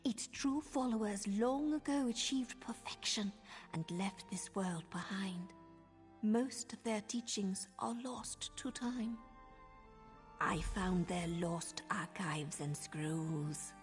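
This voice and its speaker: A woman voicing a scheming priestess of a made-up ancient faith in video game dialogue, hushed and wheedling for donations. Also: a little high, little pitch movement, slow, few pauses, faint music behind. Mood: mysterious. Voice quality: breathy whisper. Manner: hushed, mysterious, wheedling for money. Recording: long hall reverb.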